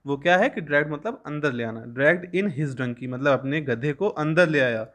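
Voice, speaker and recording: A young man gives a school lesson. His voice sits a little high. He reads each English line slowly, then explains it at length. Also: a bit bright. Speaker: teacher.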